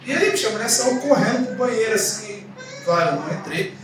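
Young male preacher, high voice, animated storyteller, miked from a distance in a booming echo. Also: a little fast. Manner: animated storytelling, repeats words for emphasis. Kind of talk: sermon teaching. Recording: echoey room from a distance.

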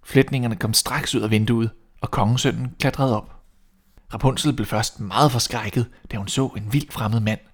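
A man reading a fairy tale aloud as the show's storyteller, in a calm, even way. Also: mid-range voice.

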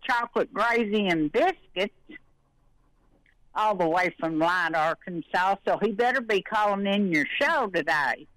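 A woman's voice: medium pitch, a bit bright, no room sound, rough recording. An older woman calling in by phone, a little out of breath, talking in a folksy, rambling way. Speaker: caller.

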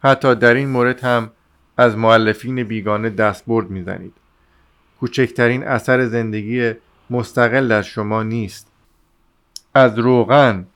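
A man reading the lines of an exasperated young man who shouts at and scolds his friend. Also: fairly low pitch, smooth.

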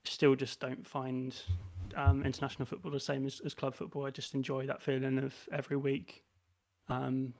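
A man's voice: medium pitch, completely flat delivery, normal speed, creaky, darkish tone. A man chatting on a podcast, stammering and repeating words as he talks. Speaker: podcast co-host. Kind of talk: casual podcast chat.

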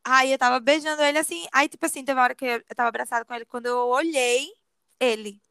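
A woman telling a personal story to a friend in a confiding, animated way. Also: high-pitched, fast talker, vocal fry, clear, resonant tone, dry recording, clean studio sound. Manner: animated confiding storyteller, often says "amiga". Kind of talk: casual storytelling chat.

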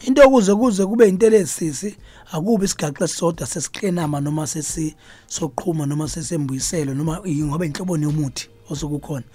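A man with a Zulu accent and a husky voice, a traditional healer explaining things as a radio guest. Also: a little high, quick pace, dark tone. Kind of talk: explaining on a radio advice show.

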